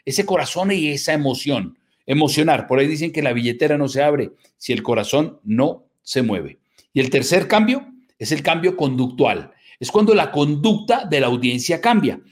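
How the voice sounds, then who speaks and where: Guy lecturing a workshop, kinda high voice, punchy lists and lots of "right?" tags. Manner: emphatic lists and rhetorical tag questions. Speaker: workshop speaker. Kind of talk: motivational lecture to a live audience.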